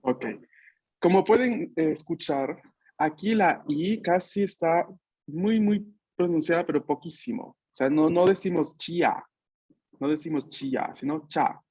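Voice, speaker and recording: A man's voice: on the high side, a little slow, dark tone, breathy edge. A man teaching an online language class over a video call at home, patient and checking in often with his students. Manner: drills students with repeat-after-me. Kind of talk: online Italian lesson for Spanish speakers.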